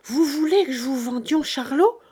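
A woman voicing a fierce, indignant peasant farmwife who shouts in rustic speech. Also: medium pitch, big pitch swings, slow, breathy edge, full character voice. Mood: furious.

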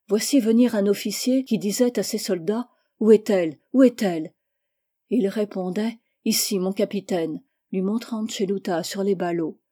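A woman reading a classic novel aloud as an audiobook narrator, with measured, expressive literary delivery. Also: mid-range voice.

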